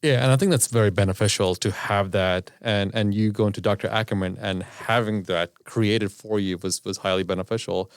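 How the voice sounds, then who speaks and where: A man with a fairly low voice guides the interview. He pauses and repeats words as he shapes gentle questions. The sound is dry and close to the mic. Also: fairly even intonation, clean tone, dry recording. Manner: halting, repeats words, supportive prompts. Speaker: podcast co-host. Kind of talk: interview hosting.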